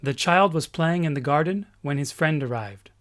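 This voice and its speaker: A man teaching English grammar in a recorded lesson, explaining step by step with pauses and fillers. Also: a little high, fairly bright tone.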